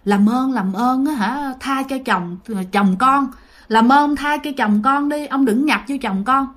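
A woman's voice: sits high, a little slow, a bit bright. A woman voicing a frightened elderly grandmother begging a spirit, pleading and apologetic.

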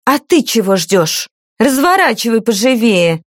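Reading an audiobook, a woman voices a spiteful, shrill noblewoman who furiously hisses and snaps at her page, a haughty, domineering mistress. The character voice is pitched above the performer's own, high-ish and sing-song, unhurried, in studio-quality sound with no echo.

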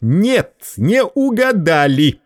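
A man voicing a cunning, high-strung male schoolteacher who exclaims loudly in a raised voice. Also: big pitch swings, slow pace, no echo, clean studio sound, exaggerated voice. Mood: indignant.

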